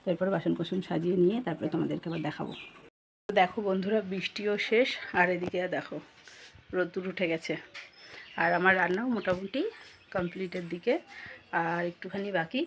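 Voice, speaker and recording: A woman chatting casually to her viewers while cooking at home, keeping her voice low so her sleeping son is not woken. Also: a little fast, vocal fry. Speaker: home vlogger and mother. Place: home kitchen with a tin roof during rain. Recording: noisy home recording with rain on a tin roof.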